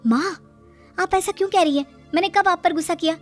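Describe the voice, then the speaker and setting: Woman doing high voiced indignant daughter, teacher around thirty, cartoon story, always defending herself, soft music under. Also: a little fast. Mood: hurt, protesting. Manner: indignant, protesting. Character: defensive unmarried schoolteacher daughter nearing thirty. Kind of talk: Hindi cartoon story acting.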